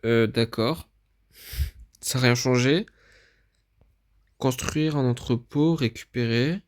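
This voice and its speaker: Slow, hesitant man narrating gameplay. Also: mid-range voice. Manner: thinks aloud, hesitant, often unsure. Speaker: gaming video creator. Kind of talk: casual let's-play commentary.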